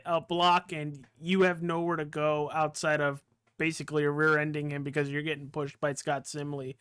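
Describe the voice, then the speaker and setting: Easygoing race broadcaster, higher voice. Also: male voice, a bit bright, clear, resonant tone, no room sound, studio quality. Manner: casual, friendly, calls drivers pal and dude. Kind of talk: post-race interview hosting.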